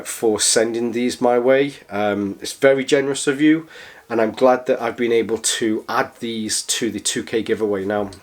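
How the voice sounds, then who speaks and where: Croaky, low-voiced man reviewing gear. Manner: hesitant, rambling, enthusiastic. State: croaky, slightly hoarse from a cold. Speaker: product reviewer, host. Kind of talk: casual review chat to camera.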